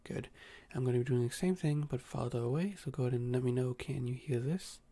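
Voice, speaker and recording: A man in a whispered role-play as a doctor giving a calm nerve exam, speaking softly and slowly with hesitant fillers. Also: medium pitch, slightly rough. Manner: soft-spoken, slow and gentle, with frequent hesitant fillers.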